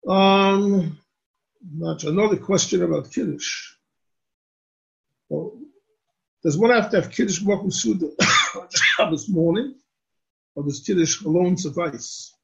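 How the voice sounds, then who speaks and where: A man, a rabbi, answering questions on religious law in a deliberate, explanatory way and restating his points. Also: sits high, vocal fry. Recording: dull lo-fi recording.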